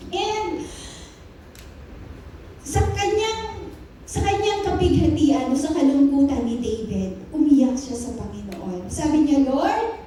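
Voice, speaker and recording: A Filipina woman pastor delivers an animated sermon, switching between Tagalog and English. Her voice sits high and mellow, and she takes her time. The sound is heavily echoey, picked up from a distance in a church hall. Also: slight background noise. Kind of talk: Taglish sermon.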